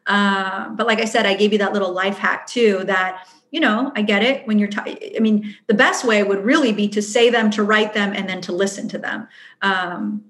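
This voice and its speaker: A woman's voice: mid-range voice, fairly bright tone. A woman answering interview questions in a chatty way, with many fillers, acting out her own inner voice. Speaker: guest. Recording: roomy echo.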